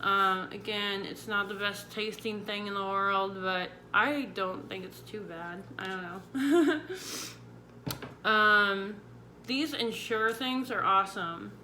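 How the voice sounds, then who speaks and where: A woman's voice: mid-range voice, measured pace, few pauses, sharp tone. A woman one week into jaw surgery recovery talks casually to viewers, explaining things in a chatty, informal way. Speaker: vlogger sharing surgery recovery tips. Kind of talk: casual vlog talk to viewers. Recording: clear background noise.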